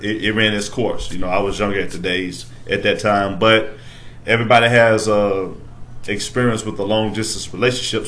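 A man hosting a casual talk show, hyping up his guests and then rambling easily, often stumbling and restarting his words. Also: on the low side. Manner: hyped-up introductions, then relaxed and rambling. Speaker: podcast host. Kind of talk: casual chat.

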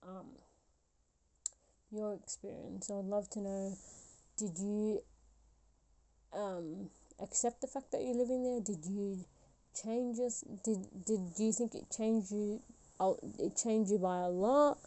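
Slow and warm, her mid-range voice keeps a fairly even intonation. A woman around twenty, she hosts her podcast solo and reflects in a rambling way, often restarting and using fillers.

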